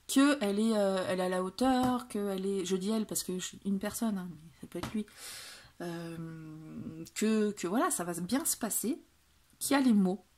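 A woman's voice: mid-range voice, a little mellow. A woman doing a casual tarot reading for viewers, talking with many hesitations and restarts. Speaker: tarot reader.

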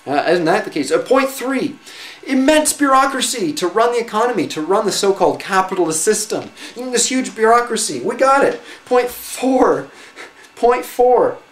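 A man's voice: sits high, very animated, brisk, fairly bright tone. Sarcastic man rambling in an echoey room. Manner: conversational, rambling, sarcastic asides, frequent restarts. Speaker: vlogger introducing a reading-list article. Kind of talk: casual spoken commentary on an essay.

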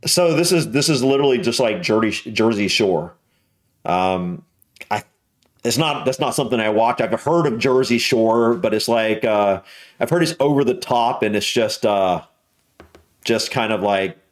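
An American man hosting a casual reaction video, musing aloud with lots of restarts and trailing thoughts. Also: mid-range voice. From United States.

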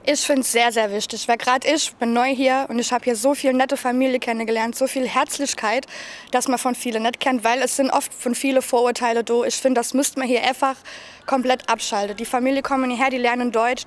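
A woman's voice: on the high side, fairly even intonation, brisk. A woman in her late twenties from Germany, a youth office worker, answering earnestly outdoors into a handheld mic. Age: 20s. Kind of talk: casual interview answers. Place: outdoors by a building. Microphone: handheld mic held by interviewer.

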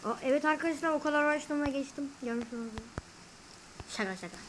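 A woman's voice: high voice, quick pace, a bit bright, a little hiss or hum, poor audio. A woman giving casual gameplay commentary to her viewers, easily frustrated, grumbling and exclaiming as she plays. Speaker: gamer.

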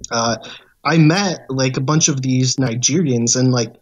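Male guest, mid pitch, casual chat, halting delivery with many fillers. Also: breathy edge. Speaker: podcast guest.

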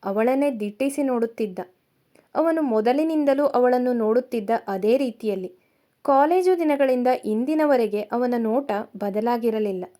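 Give me a woman storyteller with a fairly high voice, narrating a romance calmly. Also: moderate pace.

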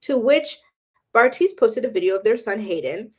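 A woman's voice: on the high side, lively intonation, moderate pace, breathy edge. A woman hosting a celebrity gossip channel, talking casually and with opinions, often using "um" and "like". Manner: chatty and opinionated, frequent "um" and "like".

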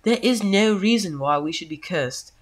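A man's voice: high-pitched, expressive, normal speed. A man voicing a solemn male priest, reading the priest's grim letter aloud in a stilted, formal mock British accent. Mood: grave.

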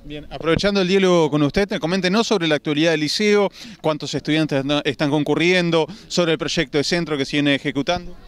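A man's voice: a little high, a little fast, smooth, no room sound. A man, a TV reporter asking formal interview questions outdoors at a school event, with hesitant "eh" fillers. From Uruguay.

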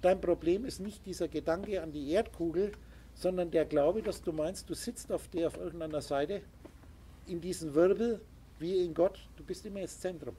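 A man with a high, warm voice lectures at a moderate pace to a small group as their spiritual teacher. His delivery is emphatic and insistent, with sound effects, and faint noise runs behind him.

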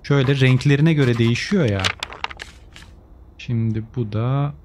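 A man's voice: medium pitch, unhurried, background noise. A man commentating a game video, translating lines and musing aloud as he clicks. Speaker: gaming youtuber. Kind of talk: let's play commentary.

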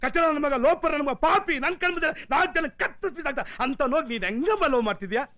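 Boastful street tough, very high, rapid, sharp-edged voice. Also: male voice, expressive, muffled recording, heavily acted. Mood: blustering. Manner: boastful, threatening, shouting. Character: loud blustering neighbourhood tough guy. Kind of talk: film dialogue.

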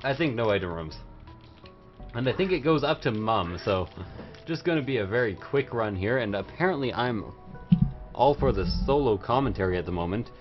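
A man's voice: medium pitch, expressive, moderate pace. A young man giving casual livestream game commentary in a rowdy, silly, tipsy party-animal way. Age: young adult. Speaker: livestream host playing a video game. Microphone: microphone pulled close to the face. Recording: dull lo-fi stream audio with music. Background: game music.

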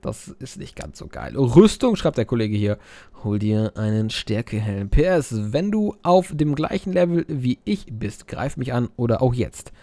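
Animated, crude-joking young man gamer. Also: mid-range voice, moderate pace, creaky, few pauses, dry recording. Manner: crude, joking, swears a lot; reads chat messages aloud in silly voices. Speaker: let's player. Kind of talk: casual game commentary reading viewer chat.

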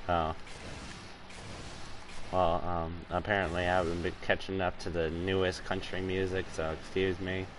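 A goofy young-sounding gamer talking casually while he plays, full of jokes and slang. His voice sits fairly low, with a faint hum of noise behind it. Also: flat delivery, normal speed, long pauses. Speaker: gaming channel host. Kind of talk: casual gaming chat.

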